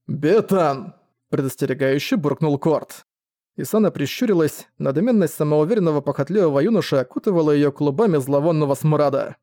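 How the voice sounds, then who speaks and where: A man narrating an audiobook in a measured, even storytelling manner. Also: fairly high pitch, no echo, clean studio sound. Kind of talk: scripted narration.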